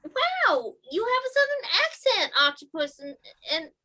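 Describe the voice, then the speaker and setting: A rambling eccentric who claims to talk with octopuses, played by a woman in improv. The voice sits high and sounds bright and forceful. She chatters on without stopping. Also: very animated, measured pace, heavily acted. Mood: chatty. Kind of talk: improv comedy.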